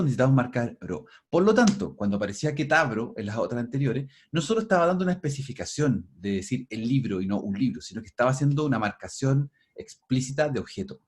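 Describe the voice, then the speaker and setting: A husky-voiced man leads a linguistics class over a video call. He explains step by step, often repeating and restarting words as he thinks aloud, at a middling pitch. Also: darkish tone. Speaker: linguistics teacher. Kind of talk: online class teaching.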